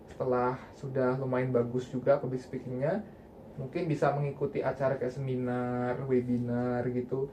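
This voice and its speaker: A man's voice: medium pitch, level tone, normal speed, dark tone. A young man facilitating a group counselling session with casual, conversational guidance. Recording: faint background noise.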